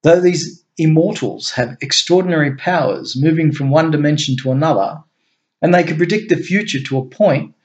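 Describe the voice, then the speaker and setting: A man reading his fiction aloud as storyteller in a measured way, with the odd slip and self-correction. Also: fairly high pitch, darkish tone, muffled recording. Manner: measured reading with small slips. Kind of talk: read-aloud fiction narration.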